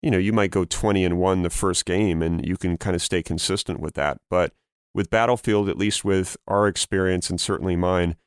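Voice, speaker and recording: A man's voice: low-pitched, a little fast, clean tone, dry recording, clean studio sound. A man in his thirties co-hosting a gaming podcast, chatting casually and laughing easily. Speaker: podcast co-host. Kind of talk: casual chat.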